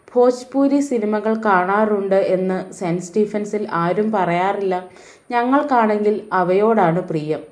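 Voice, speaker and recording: A woman reads a novel aloud as audiobook narration. Her tone is mellow and warm, never sharp. She keeps an even, steady delivery. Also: mid-range voice.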